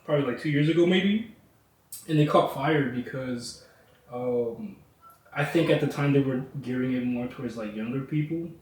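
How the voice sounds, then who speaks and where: A man's voice: medium pitch, moderate pace, darkish tone. Young man, podcast host, casual laid-back chat, echoey room, distant mic. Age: young adult. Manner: laid-back, lots of fillers and laughs.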